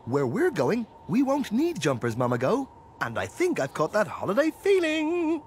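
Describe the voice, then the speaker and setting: A man's voice: high voice, huge pitch swings, moderate pace, a little hiss or hum. A man voicing a playful cartoon father who talks in a jaunty, showy way. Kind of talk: animated preschool cartoon dub.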